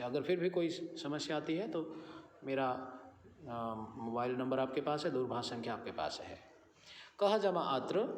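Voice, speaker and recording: A man delivers a grammar lecture in a fairly high voice, patiently laying out rules and repeating example after example. The recording has a roomy echo with a long reverb tail and faint ambient noise behind him, as if captured on a phone screen recorder. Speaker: Sanskrit grammar teacher. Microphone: screen recorder, phone mic.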